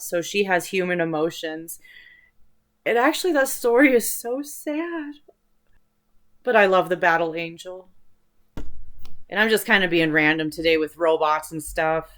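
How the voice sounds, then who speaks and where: A woman with a fairly low, fairly bright voice hosts an online video channel, speaking unhurriedly. Her talk is casual, rambling, and chatty, with informal enthusiasm for the things that interest her.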